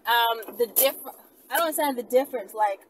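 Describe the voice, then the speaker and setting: This channel host, a woman in her thirties, talks a little fast in a voice on the high side. She rambles unscripted to viewers, thinking aloud and tossing out rhetorical questions. The daytime clip comes from inside a car parked by a street, captured on a camera at arm's length, with a distant mic and noisy cabin sound.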